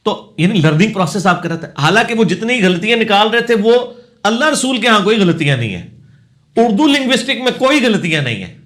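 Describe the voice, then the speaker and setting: A man's voice: high voice, sing-song, a bit bright. A man with a Punjabi accent, a religious scholar answering questions in a lecture, explaining and correcting word pronunciation with casual asides.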